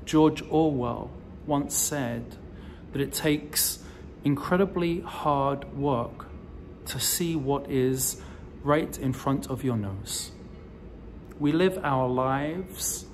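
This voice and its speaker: Male rabbi, 40s, unhurried sermon delivery, medium pitch, faint background hiss, close phone mic. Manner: slow, deliberate storytelling delivery with emphatic rises. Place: indoors in front of a decorative wall. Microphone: phone or camera close to the face, selfie framing.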